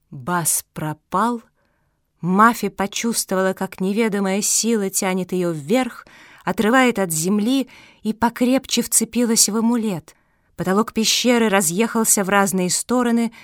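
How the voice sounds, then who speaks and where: A woman narrating a children's audiobook in a calm, measured way. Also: mid-range voice, no echo, clean studio sound.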